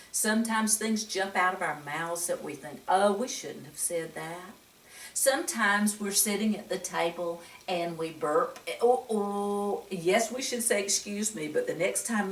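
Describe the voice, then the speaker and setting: Fairly low in pitch yet fairly bright in tone, a woman reads a picture book aloud for young children with plenty of expression, exclamations, and questions aimed at the listener. The room echoes and the microphone sits at a distance.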